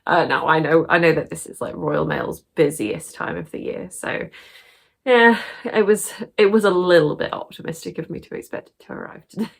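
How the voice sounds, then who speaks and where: A woman with a lowish, slightly rough voice with vocal fry talks at normal speed in a casual vlog about her crafts. She is chatty, rambling and quick to laugh, and her nose sounds stuffy and sniffly from sneezing.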